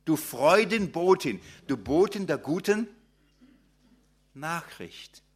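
Guy preaching a sermon, bit higher voice, asks the congregation stuff, drags out key words. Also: sing-song, breathy edge. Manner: expounding scripture with questions to the congregation; stretches key words slowly for emphasis.

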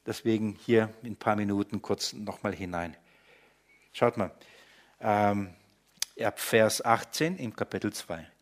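A man preaches in German, teaching from the Bible at an unhurried pace with frequent pauses. He moves between low, quiet explanation and loud, emphatic passages.

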